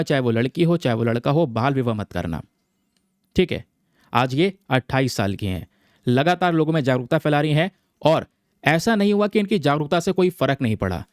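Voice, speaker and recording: A man with a mid-range, slightly mellow voice teaches exam students, recorded cleanly in a studio with no room sound. He goes over a newspaper article in a friendly, chatty way, checking in with viewers often and treating them as friends. English terms mix into his Hindi, and "theek hai" recurs throughout.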